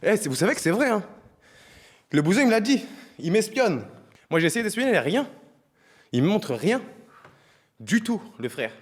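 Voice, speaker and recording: A young man streaming a game live, slangy and joking, swinging from low mumbling to excited shouting. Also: normal speed, pauses often. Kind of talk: live gaming stream chatter.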